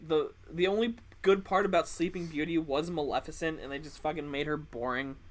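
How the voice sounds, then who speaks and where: A man's voice: on the high side, fairly quick. A young adult man co-hosting a podcast, laid-back and agreeable, swearing casually while chatting with friends. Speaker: podcast co-host. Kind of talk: casual chat among friends.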